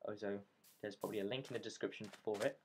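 A man's voice: fairly low pitch, steady tone, fast, a little mellow. A man hosting casual let's play commentary from his bedroom, rambling and self-mocking, often dropping to a whisper. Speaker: gaming channel host. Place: bedroom at home. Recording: noisy home recording.

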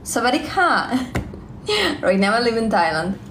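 A young woman in her twenties from Russia, with a Russian accent, chatting on a live stream in halting, simple English full of fillers and repeated words, on a phone held close in a small room. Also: fairly high pitch, big pitch swings, fairly bright tone, reverberant, slight background noise. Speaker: livestream vlogger. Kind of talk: live stream chat, reading comments.

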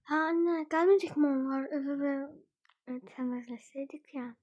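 A woman's voice: high voice, normal speed, a little mellow, close to an everyday voice. A woman voicing a sulky teenage girl in a doll-game role-play, sighing and whining at her mother. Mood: annoyed. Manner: whiny, exasperated sighs.

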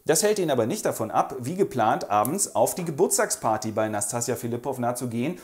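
A man's voice: mid-range voice, lively intonation, brisk, a little mellow. A man retelling a classic novel in a casual, chatty, informal way, talking straight to his viewers.

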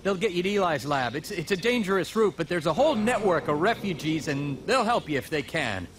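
An actor playing a friendly, urgent security guard ally in a dystopian video game, encouraging and warm. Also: male voice, fairly high pitch, lively intonation, brisk, crowd noise, lightly acted. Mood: urgent, helpful. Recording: noisy game ambience behind the voice.

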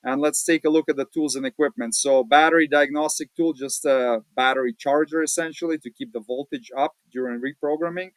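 A man hosting a casual screen-share walkthrough, talking in a relaxed, plain-spoken way with many fillers, recorded at a home desk. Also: fairly high pitch, fairly quick, hardly any pauses, no echo, low-quality recording. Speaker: automotive channel host.

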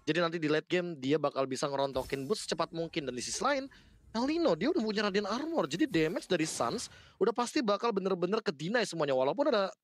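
A man's voice: high voice, animated, quick pace. A man giving analytical esports commentary, explaining things in an informal way.

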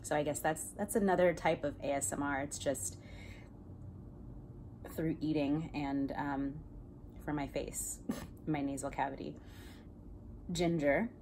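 A woman hosting a mukbang video, chatting playfully and joking between bites, sometimes dropping into soft whispery asides. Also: low voice, steady tone, a little slow, pauses often, slight background noise. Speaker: host. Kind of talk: casual mukbang chat while eating.

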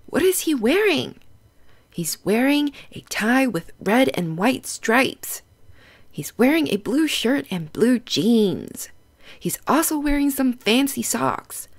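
Hosting a children's storybook read-aloud, a woman with a medium-pitched voice explains things in simple, instructive phrases and poses questions to young listeners.

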